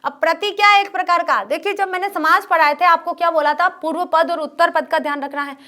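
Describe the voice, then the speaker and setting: High-voiced woman teaching a lesson. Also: steady tone, fast talker, pushed and bright. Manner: asks questions and answers them herself; repeats key terms. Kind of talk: exam-prep grammar lesson.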